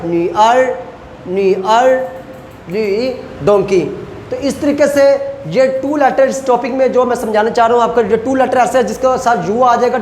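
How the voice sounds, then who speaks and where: A male teacher gives a recorded classroom lecture, going over each point slowly and repeating sounds for his students. The room is echoey and the reverb lingers. A faint hum sits behind his voice. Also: very high-pitched. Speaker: language teacher.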